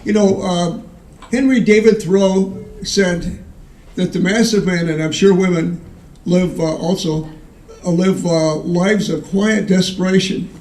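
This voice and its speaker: A man doing stand-up in a zany, halting, old-fashioned borscht belt style, telling corny one-liners. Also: high-pitched, fairly even intonation, darkish tone. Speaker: stand-up comedian. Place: live comedy show before an audience. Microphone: far from the recording mic. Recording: distant echoey live room with audience noise.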